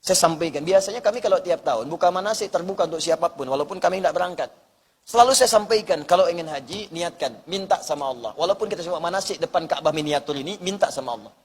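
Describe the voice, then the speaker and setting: A man's voice: a little high, lively intonation, quick pace, breathy edge, long reverb tail. A man preaching a sermon, repeating words for emphasis and telling stories with quoted dialogue. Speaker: Islamic preacher. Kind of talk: sermon on preparing for hajj.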